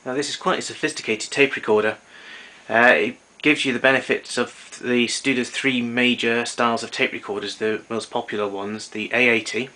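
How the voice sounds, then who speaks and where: Clicks and noise fill this amateur recording of a man demonstrating tape recorder repair. At a normal speed, his medium-pitched voice stays steady with a sharp edge, and his explanations come out matter-of-fact and a bit hesitant.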